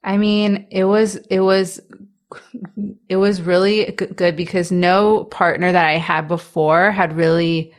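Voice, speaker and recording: A young woman in her twenties who stutters answers interview questions candidly in a fairly low, level voice at a slightly slow pace. Soft-spoken, she restarts, repeats sounds, and laughs lightly between thoughts.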